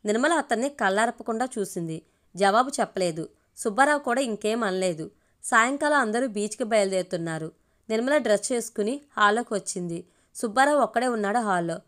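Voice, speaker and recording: A woman's voice: medium pitch, expressive, fairly quick, a bit bright. Woman narrating an audio story.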